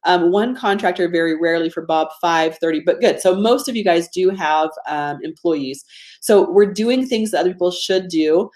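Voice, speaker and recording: A woman's voice: fairly low pitch, moderate pace, darkish tone. A woman with a Georgia Southern accent hosting an informal online training, chatty and self-deprecating, often checking in with her listeners. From Georgia, United States. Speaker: host of a live online productivity training. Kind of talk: informal webinar teaching with audience interaction.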